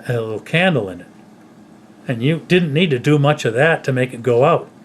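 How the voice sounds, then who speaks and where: An older man at home casually telling stories from his childhood, unhurried and rambling, often trailing off softly at the end of a phrase. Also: medium pitch, expressive, slight background noise. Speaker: storyteller recalling his childhood.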